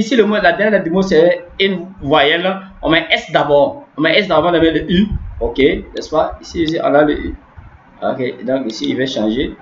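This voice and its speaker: A man's voice: high-pitched, fairly bright tone. A man teaching a grammar lesson step by step, repeating words and often checking understanding. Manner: repetitive, explaining step by step with frequent "n'est-ce pas". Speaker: language teacher. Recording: echoey room, dull lo-fi sound.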